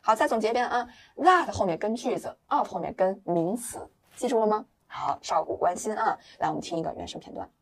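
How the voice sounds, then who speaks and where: A woman teaching English in a lively online lesson, explaining in Mandarin with a Chinese accent on the English phrases and coaxing learners with frequent tag questions. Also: medium pitch, brisk, gravelly, few pauses, slight background noise.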